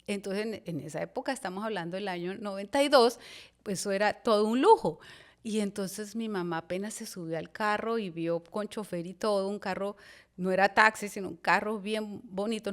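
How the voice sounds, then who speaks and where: A woman in her fifties shares a personal testimony on a podcast. She tells it like a storyteller and slips into the voices of family members as she goes. She speaks at an average pitch for a woman. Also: brisk. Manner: lively storyteller who voices her mother and fiancé in quotes. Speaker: pastor.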